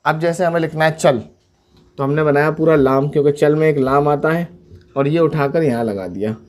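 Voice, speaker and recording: A man from India teaching a step-by-step Urdu writing lesson. His voice sits a little high, and he spells each letter and sound out slowly and patiently. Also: darkish tone.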